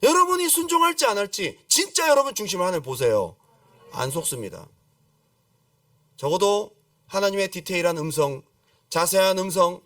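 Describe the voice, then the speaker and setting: Animated male pastor preaching. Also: high-pitched, dry recording, clean studio sound, distant mic. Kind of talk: lively Friday-service sermon. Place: church sanctuary.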